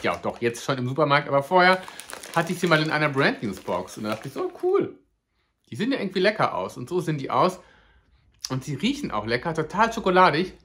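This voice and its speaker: Talking fast in a sing-song, slightly bright medium-pitched voice, a food vlogger gives a casual snack review to camera. Chatty, upbeat and playful, they joke about their own pronunciation and call viewers "ihr Lieben".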